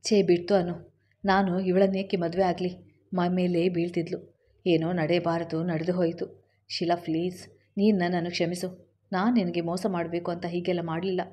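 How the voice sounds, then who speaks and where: A woman voicing an unfaithful young husband who pleads in a hurried voice. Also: lowish voice, flat delivery, warm tone, lightly acted. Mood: defensive.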